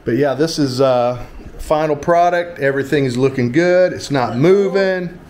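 Speaking at a medium pitch, a little slow and slightly mellow, this American vlogger in his fifties chats in a loose, joking, rambling way. The footage comes from a handheld action camera at arm's length in a tiled room and an open-fronted home shop, and the sound is noisy.

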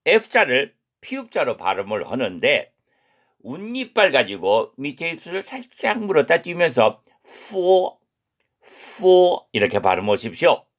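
A middle-aged man teaching pronunciation, his pitch swinging widely as he stresses each sound. He talks slowly and deliberately, repeating syllables over and over for the learner to copy. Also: wildly swooping pitch, fairly bright tone. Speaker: language teacher. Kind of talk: recorded pronunciation lesson.

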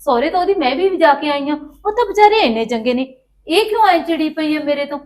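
A woman's voice: high voice, expressive, quick pace, darkish tone. An actress playing a patient housewife who placates her demanding sister-in-law and complains to her husband. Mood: aggrieved. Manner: pleading, placating, then aggrieved. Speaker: actress in a village family drama.

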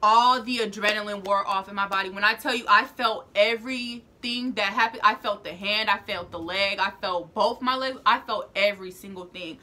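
A young woman telling a storytime vlog in animated, casual slang, acting out what people said. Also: mid-range voice, moderate pace, hardly any pauses. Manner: acts out quoted lines. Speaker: vlogger.

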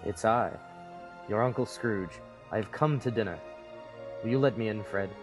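A man acts out an old Victorian miser turned kindly, hearty and courteous. His voice sits low and rings in a long hall reverb, with faint music underneath. It is audio drama storytelling. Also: normal speed, lightly acted. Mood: warm, hopeful. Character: reformed old miser, gleeful and kindly uncle.

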